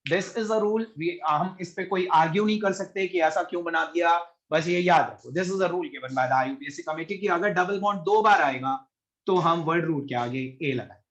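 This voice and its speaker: A man's voice: on the high side, moderate pace, fairly bright tone, dull audio. A man teaching a chemistry class online, patiently explaining and calling on students by name, mixing Hindi with English.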